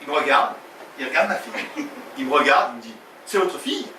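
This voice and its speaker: A male stand-up comedian telling a story with animated delivery and loud put-on voices, with crowd banter. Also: medium pitch, quick pace. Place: comedy stage with live audience. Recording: echoey, distant live room with audience noise. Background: audience laughter.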